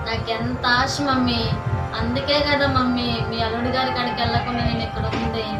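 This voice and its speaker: A woman's voice: a little high, lightly acted. An actress playing a vain grown daughter who is scornful and whiny toward her mother. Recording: echoey room, distant mic, loud music.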